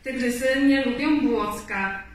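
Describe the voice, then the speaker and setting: A woman reading aloud, voicing a bouncy, boisterous male tiger who talks excitedly. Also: a little high, takes it slowly, very echoey, recorded from a distance, rough recording.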